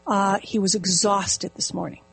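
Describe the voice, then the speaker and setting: A middle-aged woman telling a personal story in casual conversation, animated and vivid. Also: medium pitch, normal speed, vocal fry, slightly rough, poor audio. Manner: animated, storytelling with quoted inner speech. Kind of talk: casual chat.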